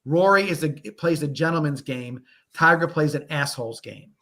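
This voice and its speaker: A man with a bright, forceful voice pitched a bit above the usual, talking sports in a loose, blunt way. He hammers his points with repeated phrases and tags like "okay?", as a co-host on a podcast microphone. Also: moderate pace. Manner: emphatic, blunt, mimics golfers in quoted asides. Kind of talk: casual sports talk.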